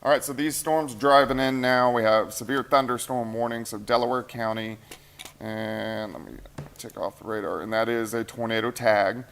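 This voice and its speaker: Reading through viewer comments during live late-night weather coverage, a tired, hungry meteorologist thinks aloud in a relaxed manner. His mid-range voice is fairly bright, with fairly even intonation and a moderate pace. He's in a TV station weather center on a shared mic.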